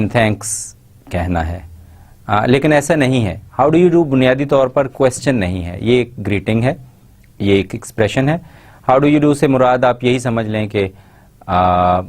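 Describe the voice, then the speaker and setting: Lower-voiced man lecturing. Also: darkish tone. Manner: explains in Urdu, reads English example phrases slowly and carefully. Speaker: English language lecturer. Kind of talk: recorded university lecture.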